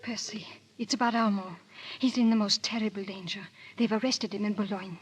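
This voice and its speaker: A woman's voice: medium pitch, steady tone, brisk, husky, natural voice. An actress in a 1930s radio drama playing an anxious aristocratic lady, earnest and refined in manner. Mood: anxious, pleading. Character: anxious aristocratic lady, French-born wife of baronet.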